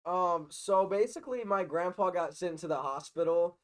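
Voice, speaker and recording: A man's voice: high voice, moderate pace. Young man telling a rambling story. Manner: rambling storytelling, loud when laughing. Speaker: podcast guest. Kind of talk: casual chat.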